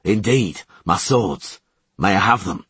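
A man's voice: low-pitched, animated, takes it slowly, a bit bright, slightly rough, no echo, full character voice. A man voicing a stern, curt male monster hunter. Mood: angry.

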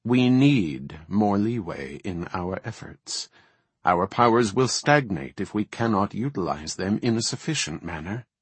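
A man voicing a proud male elf sorcerer who talks in an insistent, indignant way, with a husky voice. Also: lowish voice, lively intonation, a little slow, dry recording.

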